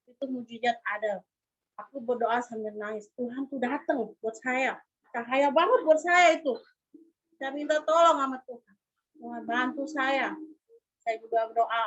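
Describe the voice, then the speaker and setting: Woman, earnest testimony voice, bright and fairly high, lo-fi. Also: fairly even intonation. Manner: earnest, repetitive, halting. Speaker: church member giving a testimony. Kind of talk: personal testimony. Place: abroad, in China. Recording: lo-fi dull sound.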